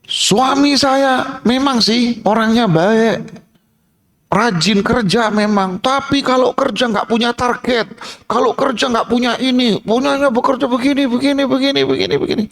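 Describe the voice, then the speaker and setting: A man's voice: extremely high pitch, moderate pace, a bit bright, pitched above the performer's own voice. A male preacher voicing a fussy wife who complains to a cleric about her husband and lists her demands. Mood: griping.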